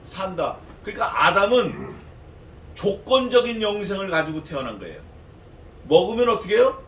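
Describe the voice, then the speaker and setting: A man's voice: a little high, a bit bright. A male pastor preaching an expository sermon in a church, asking his congregation rhetorical questions in a conversational way. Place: church sanctuary. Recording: echoey hall from a distance, faint noise.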